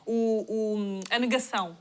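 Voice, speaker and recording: A woman's voice: on the high side, fairly even intonation, a little slow, clean tone. A woman hosting a studio talk show, handing over to guests and affirming them with a frequent "exato" between hesitant fillers. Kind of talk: television studio interview. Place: television studio.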